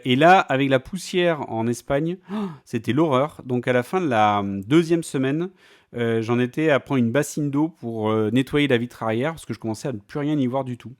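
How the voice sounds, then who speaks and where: A man talking casually in a vlog, chatty and full of fillers and restarts. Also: medium pitch. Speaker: vlogger.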